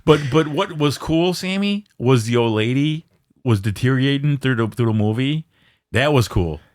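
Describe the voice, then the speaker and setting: A man co-hosting a casual horror movie podcast, talking excitedly with lots of stammering restarts and blunt, profane words. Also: medium pitch, moderate pace, dry recording, clean studio sound. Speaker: podcast co-host.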